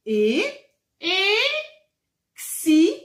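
Squeaky little monkey puppet, voiced by a woman. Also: very slow, full character voice. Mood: indignant. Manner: stumbles over words, squeaky and excitable. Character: childish little monkey puppet, sensitive and playful. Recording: roomy echo.

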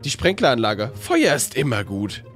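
A man hosting a gaming channel, excitable, stammering and restarting as he plays through a game role-play. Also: mid-range voice, normal speed, faint music behind.

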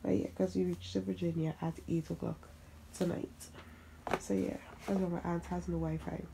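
A woman's voice: fairly low pitch, level tone, normal speed, vocal fry. Rambling woman vlogging on a noisy phone. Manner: rambling, many fillers, laughs easily. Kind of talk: casual vlog chat. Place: relative's home, indoors. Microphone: phone on a monopod held a bit away.

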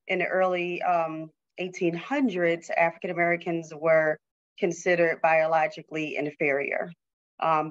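A woman speaking as a panelist on a video call, measured and with many ums. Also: deep voice, muffled recording. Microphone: video call webcam.

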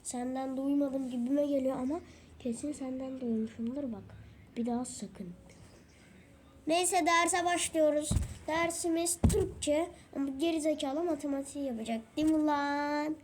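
A woman's voice: sits high, normal speed, a little mellow, slight background noise, natural voice. A young woman voicing a short-tempered male teacher who swears and threatens the class. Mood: angry.

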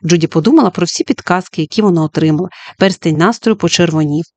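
An audiobook narrator reading a children's book with lively, expressive storytelling. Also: mid-range voice, quick pace.

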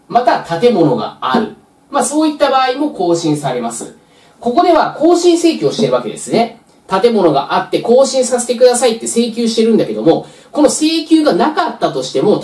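A woman's voice: mid-range voice, darkish tone. A woman tutor giving a patient, step-by-step explanatory lecture for a real estate exam. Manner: patient, step-by-step, frequent filler "まあ". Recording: roomy echo, distant mic.

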